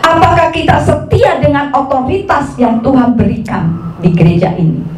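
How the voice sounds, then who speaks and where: A woman pastor preaching a lively sermon, dropping into slang and acting out the voices she quotes. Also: high voice, moderate pace, echoey room, distant mic, faint music behind, poor audio. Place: church hall.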